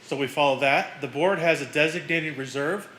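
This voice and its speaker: A man walks a board through a budget at a steady, explaining pace. His voice is fairly high and bright. The echoey meeting room comes through clearly. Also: moderate pace, a little hiss or hum. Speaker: college finance officer presenting budget. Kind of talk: budget presentation.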